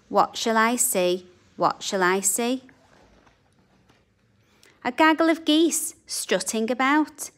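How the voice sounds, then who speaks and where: A woman reading a children's picture book aloud in a slow, sing-song, expressive way. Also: on the high side. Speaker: children's storybook reader. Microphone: camera above a book on a table.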